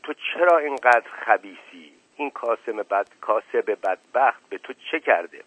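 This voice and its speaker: Testy older uncle, head of the family, read by a man; dry, raspy, narrow radio sound. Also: mid-range voice, expressive, no room sound. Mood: furious. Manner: scolding, indignant. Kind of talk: audiobook reading. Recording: narrow phone-like radio recording.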